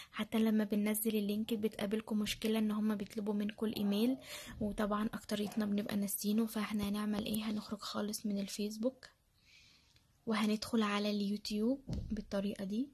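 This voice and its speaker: A woman with an Egyptian Arabic accent shares her study tips as a language learner, walking viewers through her methods in a casual screen-share tutorial. She's chatty, repeats phrases and fills her speech with fillers, in a husky mid-range voice.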